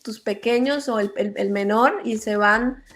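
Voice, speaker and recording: Slow-talking woman interviewer. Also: on the high side, a bit bright, faint music behind. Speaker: host. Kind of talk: casual interview.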